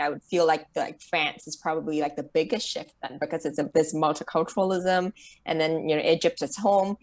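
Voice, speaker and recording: Woman co-hosting a podcast, lowish voice, thinks out loud, lots of "you know". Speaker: podcast co-host. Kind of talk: casual interview.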